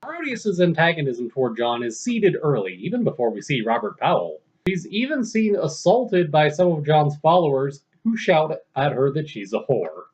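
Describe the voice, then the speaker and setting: Man, film review co-host, dry and wry, lively pitch, lo-fi muffled sound. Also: normal speed. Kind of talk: casual review chat. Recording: dull lo-fi recording.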